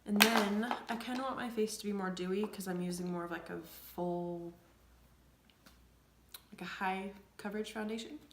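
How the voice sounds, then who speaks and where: Sounding stuffed up with a cold, this young woman talks through a makeup tutorial in a relaxed, rambling way, her voice heavy with gravelly fry and filler words, sometimes dropping to soft near-whispers. She speaks at a moderate pace with medium pitch and fairly even intonation. Background noise sits under an echoey, roomy sound.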